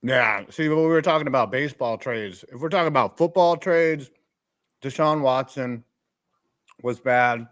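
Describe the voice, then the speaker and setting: A man's voice: mid-range voice, normal speed, fairly bright tone. Laid-back man eating on a live stream. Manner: laid-back, joking, talks while eating. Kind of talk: casual live-stream chat.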